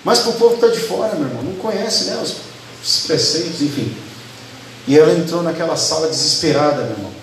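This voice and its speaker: A man's voice: fairly high pitch, expressive, fast talker, fairly bright tone. A man with a Brazilian Portuguese accent preaching a conversational sermon, often asking the congregation for an amen. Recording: echoey room, mic at a distance, faint background noise.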